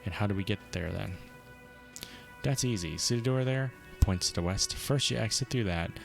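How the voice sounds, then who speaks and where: Man, streamer, low gravelly voice, reading game lines aloud, sarcastic comments. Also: moderate pace, faint music behind. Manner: reads game dialogue aloud and reacts with sarcastic asides.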